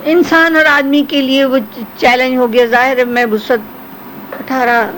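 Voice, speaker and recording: Speaking in a high-pitched voice, an older woman and ex-film actress tells lively interview stories from her past, imitating the voices of those she quotes. The recording is low quality with slight background noise.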